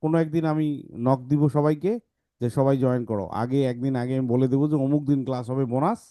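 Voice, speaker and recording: Male teacher, patient explainer, mellow voice, dry close sound. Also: mid-range voice, fairly even intonation, dry recording. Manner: explains patiently, reads examples slowly. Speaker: English teacher. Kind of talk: online class talk to kids.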